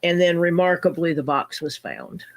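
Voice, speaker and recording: Speaking at normal speed in a fairly low voice, a woman hosts a chatty livestream despite being sick and scratchy. She greets viewers by name in the middle of her stories, with no room sound on the recording.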